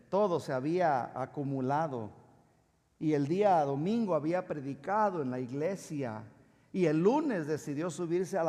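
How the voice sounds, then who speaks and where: A high-pitched man preaches to his congregation, asking them to answer back and read along. His voice rings with the long reverb of a church sanctuary. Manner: calls out to the congregation for responses; drops to a soft confiding voice for anecdotes. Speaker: pastor. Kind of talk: sermon.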